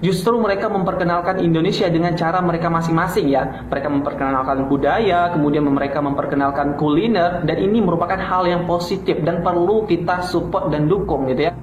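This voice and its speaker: High-voiced guy lecturing in an echoey, dull clip, keeps tagging "gitu ya". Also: brisk, few pauses, slight background noise. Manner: lecturing, frequent "gitu ya" tags. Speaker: YouTube commentator. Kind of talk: video commentary.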